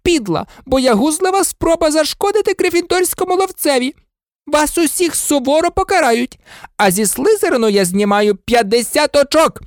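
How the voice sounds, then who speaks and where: A reader voicing a stern, furious older female professor scolding students in a high, sharp voice. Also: animated, moderate pace, no room sound, clean studio sound. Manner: scolding, clipped outrage.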